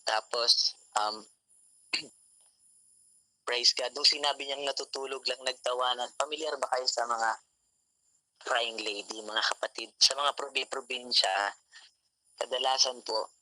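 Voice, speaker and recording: A man preaches in Taglish at an online devotion from home, speaking to youth through a call mic and often saying "mga kapatid." He's medium-pitched, steady and sharp, with a measured pace and long pauses, in a low-quality recording without echo.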